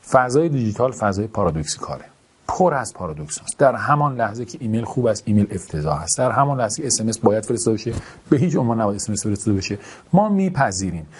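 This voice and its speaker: A man teaching an online course who speaks slowly and carefully, with imprecise articulation of some sounds and informal, self-deprecating asides. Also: medium pitch, big pitch swings, slightly rough. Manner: deliberately slow, careful speech. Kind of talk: course introduction lecture.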